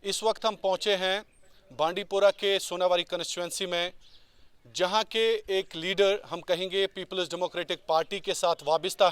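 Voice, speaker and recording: A man's voice: high voice, clean tone, no echo. A man, a news interviewer doing an outdoor field interview. He presses his guest and cuts in with challenging questions.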